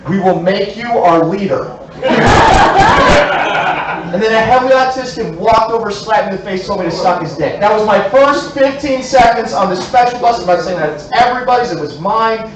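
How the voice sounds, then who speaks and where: A high, lively male voice tells crude, self-mocking stand-up stories, often stumbling over his first words. He sounds distant in a very echoey room with steady noise behind him. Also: moderate pace, a loud crowd. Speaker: stand-up comedian. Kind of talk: stand-up set. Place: comedy show in a hotel room.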